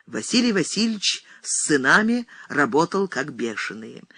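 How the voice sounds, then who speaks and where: A woman narrating a historical novel for an audiobook in an even, deliberate reading voice. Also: low voice, breathy edge, no echo. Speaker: audiobook reader.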